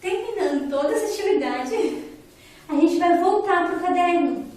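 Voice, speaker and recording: A woman's voice: very high voice, moderate pace, a little mellow. A woman teacher with a Brazilian Portuguese accent giving a remote lesson to children and their parents. She explains patiently and keeps checking in with her listeners. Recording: very echoey room, mic far away.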